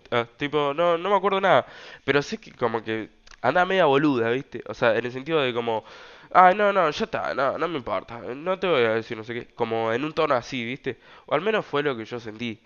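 Young Argentine male host, casual slangy storyteller, smooth tone, dull recording. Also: medium pitch, a bit bright. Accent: Argentine Rioplatense Spanish. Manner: rambling, loose, slangy, many fillers. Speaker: podcast host.

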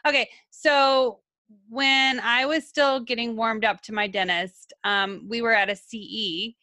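A chatty woman co-hosting a casual talk show, laughing often as she tells animated workplace stories. Her voice is bright and a little high, recorded close and dry with no room sound. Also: slow, no room sound. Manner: giggly, animated storyteller. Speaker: dental assistant, podcast co-host. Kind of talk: casual chat.

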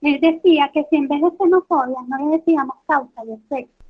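A woman with a notably high voice and a Venezuelan coastal Caribbean accent that could pass for coastal Colombian. She discusses her views casually as a podcast guest. The audio is narrow and tinny, like a phone call. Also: fast talker. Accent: Venezuelan, coastal Caribbean, sounding like coastal Colombian.

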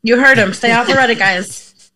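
A woman's voice: on the high side, normal speed, pushed and bright, no echo. A woman co-hosting her own podcast, guesting on another show in chatty, casual talk.

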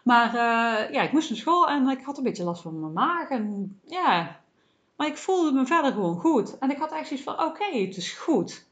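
Woman, podcast host, calm self-help talk, soft reassuring manner, lots of fillers, somewhat muffled lo-fi sound. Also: high voice, moderate pace. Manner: gentle and reassuring, with frequent "hè" tags and fillers.

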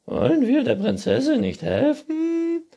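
A man voicing a confused little raccoon in a children's story, squeaky and baffled. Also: animated, measured pace, gravelly, warm tone, breathy edge, full character voice. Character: confused little raccoon who keeps asking what. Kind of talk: children's book reading.

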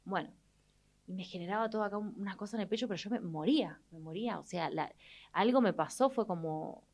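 A young adult woman with an Argentine accent, telling a personal story in an expressive way and acting out the people she quotes. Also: mid-range voice, brisk. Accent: Argentine Spanish. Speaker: guest. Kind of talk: animated storytelling in conversation.

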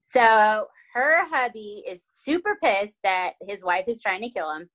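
A woman's voice: medium pitch, measured pace, lo-fi sound. Chatty woman telling a dramatic story. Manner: animated, dramatic, heavy use of "like" and "right?". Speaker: podcast host telling a true crime story. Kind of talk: casual storytelling chat.

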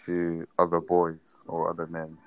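A man's voice: low voice, monotone, a little slow, noisy background. A young man with a London roadman accent in casual banter, slangy and stumbling over his phrasing. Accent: London, urban roadman slang.

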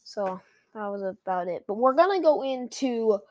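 A woman's voice: on the high side, expressive, normal speed, darkish tone. A woman vlogger in a casual comedic rant, rambling with lots of "like" and restarts. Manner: rambling, heavy use of "like" and restarts.

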